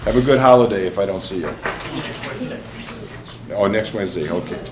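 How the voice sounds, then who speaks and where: A man serving as mayor, chairing a council meeting while under the weather, relaxed and joking, clearing his throat. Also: low-pitched, moderate pace. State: under the weather, cold medicine. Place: council chamber. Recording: echoey room from far off with noise.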